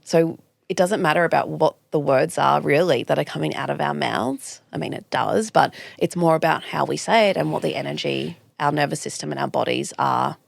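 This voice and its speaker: Low gravelly aussie woman, thirties, earnest podcast guest, dry close sound. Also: fairly quick, no room sound. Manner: earnest, reflective, frequent restarts. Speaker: guest, clinical nutritionist. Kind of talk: podcast interview.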